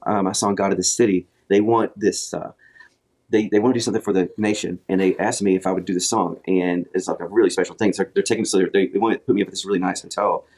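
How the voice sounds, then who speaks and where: A man's voice: sits low, flat delivery, fast, darkish tone. A man telling a long story in casual chat, rambling with restarts and quoting others. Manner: rambling, with many restarts and acted quotes. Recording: played clip from a podcast.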